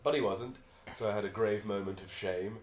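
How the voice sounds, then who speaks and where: Low-voiced man, laid-back podcast co-host who rambles and laughs a lot, recorded in an echoey room with faint hiss. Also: a little fast, a little mellow. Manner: rambling storyteller, laughs often. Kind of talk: casual chat.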